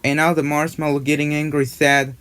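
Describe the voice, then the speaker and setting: A man narrating a cartoon in a rambling, halting, repetitive way. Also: a little high, little pitch movement, fairly bright tone. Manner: halting, repetitive, run-on retelling. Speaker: fan narrator retelling a cartoon.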